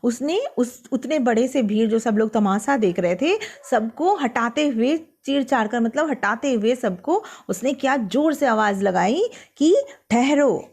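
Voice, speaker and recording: A woman teacher explaining a poem to school students, reading its lines slowly and then explaining them in plain words. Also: on the high side, lively intonation, a little mellow. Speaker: Hindi teacher.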